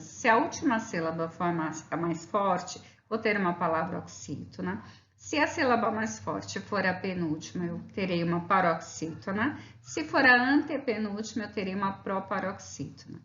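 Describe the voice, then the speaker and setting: A woman teaching a grammar lesson, walking through slides patiently and stretching out example words slowly. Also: medium pitch, expressive, fairly bright tone. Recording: roomy, dull lo-fi sound.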